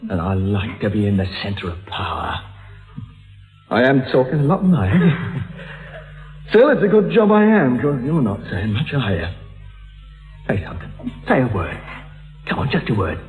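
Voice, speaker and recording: An actor playing a deranged, taunting killer, rambling and repetitive with a childish, volatile menace. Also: male voice, medium pitch, sing-song, moderate pace, pauses often, natural voice. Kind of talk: melodramatic film thriller acting. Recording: echoey hall, dull lo-fi, music behind.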